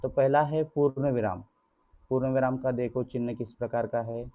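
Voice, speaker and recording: Speaking to pupils as children, a patient man walks through an online grammar lesson, repeatedly asking questions and supplying the answers himself. The lo-fi recording is dull, and his ordinary mid-pitched voice moves at normal speed with fairly level intonation.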